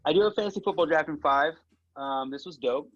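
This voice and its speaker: A man's voice: a little high, fairly quick. Rambling young man, slightly muffled. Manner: self-deprecating, rambling storyteller. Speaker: guest, old friend. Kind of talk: casual chat between old friends.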